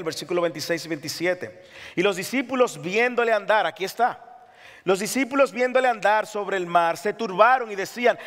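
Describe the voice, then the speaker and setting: A man's voice: high voice, fairly bright tone, in a large hall. A man preaching an impassioned sermon as pastor, reading scripture aloud. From Latin America.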